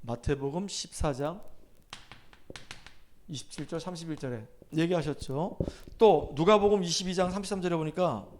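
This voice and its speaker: A male pastor delivers an emphatic sermon with a notably high-pitched voice. He retells scripture like a story, acting out the quoted lines with swings between loud and hushed. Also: moderate pace, slight background noise. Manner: emphatic preaching, acting out scripture quotes with rising and falling intensity.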